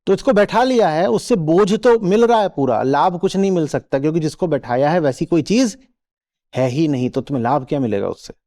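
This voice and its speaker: A man gives a spiritual discourse to a live audience, asking rhetorical questions and checking that listeners are following. His fairly high voice is animated, brisk and mellow, and he acts out little quoted voices.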